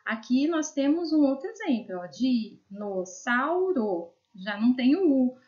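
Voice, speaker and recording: Brazilian lady giving a video lesson, kinda high voice, sounds out words slow, dull lo-fi audio. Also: lively intonation, dark tone. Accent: Brazilian Portuguese. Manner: explanatory, frequent tag "né?", sounds out words slowly syllable by syllable. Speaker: teacher, educational psychologist. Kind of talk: video lesson explaining slides.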